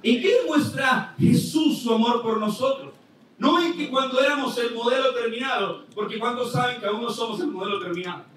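A man's voice: extremely high pitch, fairly quick. A man preaching a sermon as pastor, mixing jokes into his preaching. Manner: joking, animated preaching. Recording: echoey hall, distant mic, faint noise.

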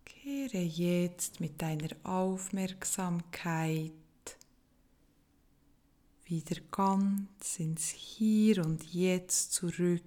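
Very slow, soft-spoken woman guiding meditation. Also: fairly low pitch. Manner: soft, gentle, breathy delivery with long pauses. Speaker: meditation guide. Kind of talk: guided meditation narration.

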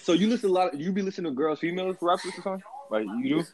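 A man's voice: sits high, animated, rapid-fire, poor audio. A man in his twenties hosting with casual, slangy interview banter. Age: 20s. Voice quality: slangy delivery. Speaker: host.

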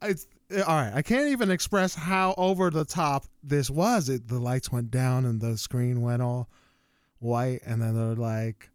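A man's voice: mid-range voice, measured pace, clear, resonant tone, no room sound, clean studio sound. A young man ranting animatedly in a casual chat, with exaggerated quoted voices.

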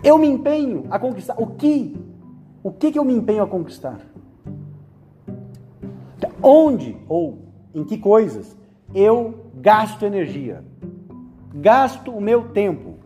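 High-pitched man giving a chatty meditation. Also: very animated, slow pace, long pauses, warm tone, faint music behind. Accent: Brazilian Portuguese. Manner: conversational, frequent "né?" tags, playful asides. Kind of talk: spoken meditation for young men.

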